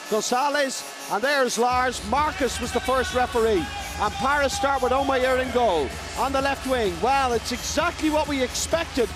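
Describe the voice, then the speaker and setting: A man giving live handball commentary in short, emphatic, excitable phrases. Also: very high-pitched. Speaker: sports commentator. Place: large indoor sports arena with crowd.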